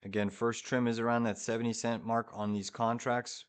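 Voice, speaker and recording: A man's voice: mid-range voice, little pitch movement, normal speed, clear, resonant tone. Hyped, urgent male live trading streamer. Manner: urgent, hyped, repeats short phrases and urges the market on. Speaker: live-streaming day trader, host. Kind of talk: live trading commentary to viewers.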